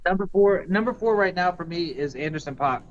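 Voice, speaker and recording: Laid-back younger man with a slightly high voice. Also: lively intonation, a little fast. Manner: laid-back slang, easygoing. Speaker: podcast co-host. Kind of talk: casual podcast chat. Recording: dull lo-fi sound.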